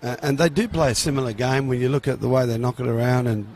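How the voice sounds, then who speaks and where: A man's voice: medium pitch, steady tone, fast talker, darkish tone. A man, a co-commentator and coach, giving short, agreeable remarks on a live football match outdoors. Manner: agreeable, brief, laughs often.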